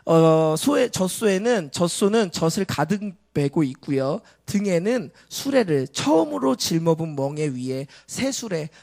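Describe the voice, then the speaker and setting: Impassioned higher-voiced male pastor. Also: creaky. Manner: storytelling with rhetorical questions, swelling to loud exhortation. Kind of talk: sermon.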